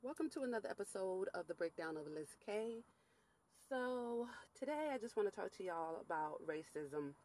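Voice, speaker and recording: A woman's voice: mid-range voice, normal speed, poor audio. Candid woman telling a story. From Latin America. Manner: candid storytelling, animated quoted asides. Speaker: vlog host. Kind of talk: casual monologue.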